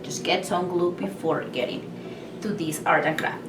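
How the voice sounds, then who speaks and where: A woman from Colombia, hosting a craft workshop and giving cheerful, clear instructions to young children. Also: on the low side, steady tone, music in the background. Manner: cheerful, slow and clear, talking to small kids. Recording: echoey room, mic at a distance.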